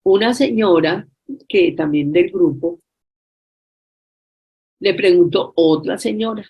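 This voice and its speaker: Gravelly, husky woman telling a faith story. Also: fairly low pitch, a little mellow. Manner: retells stories with many filler pauses. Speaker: speaker at a forgiveness workshop. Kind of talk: storytelling religious talk. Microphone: video call.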